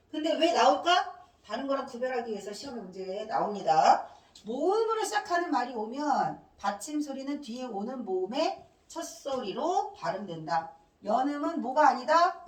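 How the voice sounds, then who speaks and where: A woman teacher giving a classroom grammar lecture, asking questions and answering them herself and drilling letters one by one. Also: fairly high pitch. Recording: echoey room, mic at a distance.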